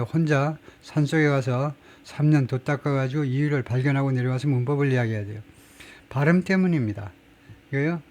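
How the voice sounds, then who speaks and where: A man's voice: mid-range voice, a little mellow. A middle-aged man teaching English grammar in an emphatic, explanatory lecture, reading English example sentences aloud.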